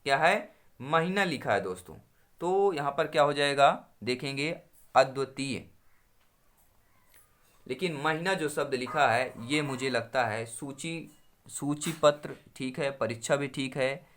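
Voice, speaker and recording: A man's voice: medium pitch, a bit bright. A man teaching a Hindi exam-prep lesson, going through questions one by one, calling viewers his friends, repeating each answer and asking them to reply. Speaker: Hindi teacher at a coaching channel.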